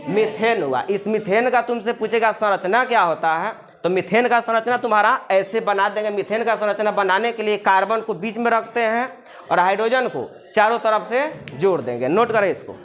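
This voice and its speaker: A man's voice: high voice, normal speed, a bit bright, muffled recording. A man. He keeps asking the class questions, answers them himself, and repeats the key terms. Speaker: science tutor. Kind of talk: classroom chemistry lesson.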